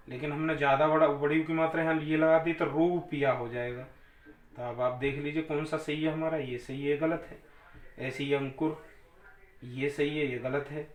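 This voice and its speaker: Guy teaching hindi grammar, stretches out vowels over and over, echoey room. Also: a little high. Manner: slow, drawn-out vowel demonstrations, repeating sounds. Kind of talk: classroom grammar lesson.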